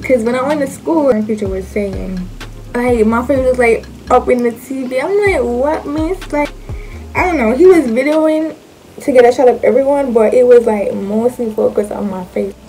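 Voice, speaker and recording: A woman's voice: on the high side, moderate pace, mellow, soft background music, low-quality recording. A young woman with a Jamaican accent chatting casually and playfully to camera, using slang as she answers questions about herself. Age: young adult.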